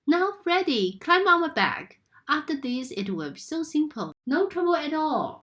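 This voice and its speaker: A squeaky, tearful mother kangaroo. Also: big pitch swings, a little slow, a bit bright, full character voice. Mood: hopeful. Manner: squeaky, pleading, sobbing. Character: tearful anxious mother kangaroo, female adult.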